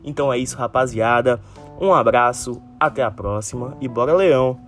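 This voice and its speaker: A man's voice: mid-range voice, moderate pace, fairly bright tone. A man with a northeastern Brazilian accent from Ceará and a tongue-tied lisp with slushy s sounds, hosting a casual solo football news podcast and talking directly to listeners. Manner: informal, addresses listeners directly, frequent tag questions. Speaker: sports podcast host. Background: music.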